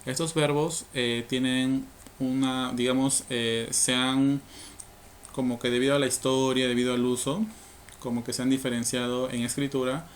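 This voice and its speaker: A man's voice: medium pitch, level tone, moderate pace, a little hiss or hum. A man teaching English grammar to learners, explaining rules patiently step by step, with frequent fillers and tag questions.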